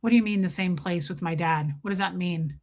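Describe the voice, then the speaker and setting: A woman with a Southern accent from near Nashville hosts a casual livestream, reading comments and chatting with viewers by name. Her voice is on the low side and darkish in tone, and she talks a little fast. She's chatty and restarts often.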